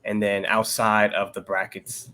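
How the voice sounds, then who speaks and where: A young man studying for coding interviews walks step by step through a problem in a laid-back, patient way, like a casual pair-programming chat. His voice is lowish, pushed and bright, with little pitch movement and a slightly slow pace.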